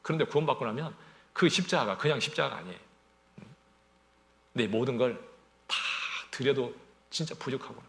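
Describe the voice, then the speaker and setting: Animated preaching man, lively pitch. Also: moderate pace, gravelly, long pauses. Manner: animated preaching, rhetorical questions to the congregation. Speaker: pastor. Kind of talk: sermon.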